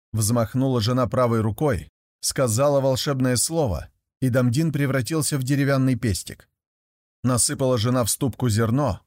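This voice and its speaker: A man reads a folk tale aloud at a measured pace, with a voice of ordinary pitch. The recording is dry and close. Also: darkish tone, no room sound. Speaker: narrator.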